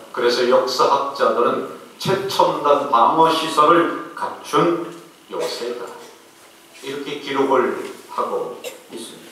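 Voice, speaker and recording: A man of middle pitch preaches to his congregation in a big church sanctuary, and his voice rings with heavy echo. He is recorded from well off the mic, so the sound is distant and roomy. He tells stories and acts out the lines of the people in them. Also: fairly bright tone. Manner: storytelling, acts out quoted dialogue. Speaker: pastor. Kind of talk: sermon. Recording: echoey hall, distant mic.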